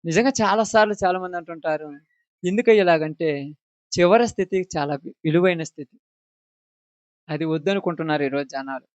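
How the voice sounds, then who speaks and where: A man's voice: high voice, a little fast, pauses often, clear, resonant tone, dry recording, muffled recording. A man preaching a sermon, asking the congregation question after question to drive home his points. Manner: emphatic, asks the congregation questions.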